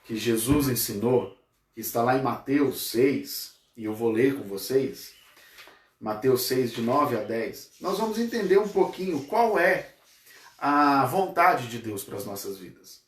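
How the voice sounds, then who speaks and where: A Brazilian man teaching a Sunday school lesson, telling a story in a conversational way with frequent tag questions and slowing down to stress points. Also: mid-range voice, lively intonation, reverberant, recorded from a distance. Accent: Brazilian Portuguese. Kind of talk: storytelling sermon. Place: church hall.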